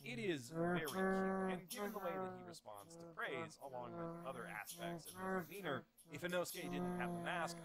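A man's voice: fairly high pitch, low-quality recording. Wry male video-essay narrator over crowd noise.

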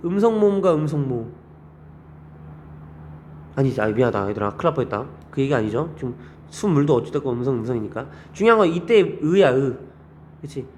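Brief: male teacher, fairly high voice, animated lecture full of quiz questions, faint noise behind. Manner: quizzing students with constant rhetorical questions; lively, animated delivery with frequent pitch jumps. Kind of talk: classroom lecture on Korean grammar.

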